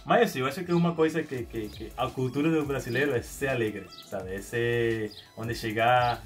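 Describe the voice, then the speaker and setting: A man's voice: medium pitch, normal speed, faint music behind. Venezuelan man vlogging in Portuguese, hesitant. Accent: Venezuelan Spanish. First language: Spanish. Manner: hesitant, many restarts and repeated words; animated hand gestures. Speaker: YouTuber. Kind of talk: casual vlog to camera. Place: small indoor room at home.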